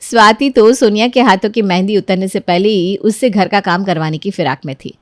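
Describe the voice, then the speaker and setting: A woman narrating a moral story in a calm, even way. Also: mid-range voice, fairly quick, no echo, studio quality.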